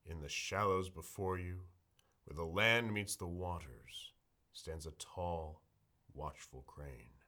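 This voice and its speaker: A man leading a guided meditation in a soft, soothing, measured delivery. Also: sits low.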